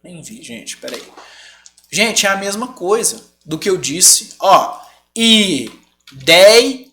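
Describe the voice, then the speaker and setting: A man's voice: high voice, big pitch swings, slow, bright, forceful tone. A man with a Brazilian Portuguese accent teaching a live online lesson, explaining patiently and checking in with the class often.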